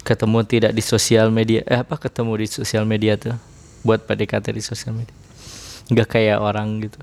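A man's voice: fairly low pitch, monotone, brisk, gravelly, darkish tone. Young man, casual monologue; rambling, second-guesses himself, laughs often. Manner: rambling, self-questioning, many restarts and laughs.

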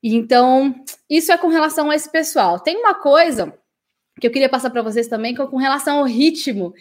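A Brazilian woman with a fairly high voice talks her viewers through an English lesson in a casual, chatty way. She keeps checking in with little tag questions and sounds out English words to show how they are said. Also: brisk. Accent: Brazilian Portuguese. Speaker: English teacher.

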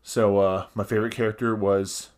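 A man's voice: on the low side, little pitch movement, normal speed, darkish tone. A man co-hosting a podcast in casual banter, talking with half his face numb from the dentist. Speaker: podcast co-host.

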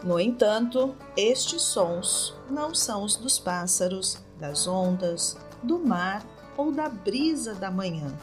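A woman with a Brazilian accent hosting a teaching podcast, addressing the learner directly. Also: mid-range voice. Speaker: podcast host and language teacher.

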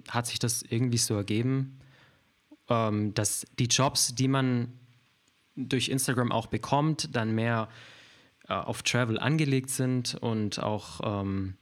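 A man from Germany chatting as a guest on a casual podcast, his voice sitting at an ordinary middle pitch. He hesitates often, backing up and restarting his sentences as he explains his work. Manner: hesitant, many fillers and restarts.

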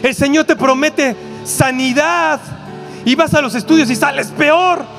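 Mexican male preacher, very high voice, animated sermon, quick asides to the crowd, faint music behind. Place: church auditorium.

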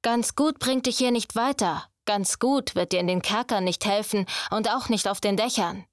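A woman voicing a domineering young male thief mentor who scolds his apprentice with a raised, forceful voice. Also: mid-range voice, normal speed, no echo, clean studio sound, natural voice. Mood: stern. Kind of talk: audiobook character voice.

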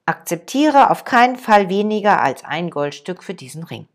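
A woman reading the lines of a wise old male master in a calm, measured way. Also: mid-range voice.

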